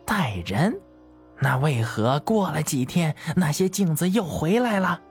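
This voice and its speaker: A woman's voice: lively intonation, a little slow, darkish tone, slightly rough, faint music behind, exaggerated voice. A woman voicing a grieving elderly noblewoman who wails and pleads through tears in an audio drama. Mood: accusing. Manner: wailing, high-strung pleading.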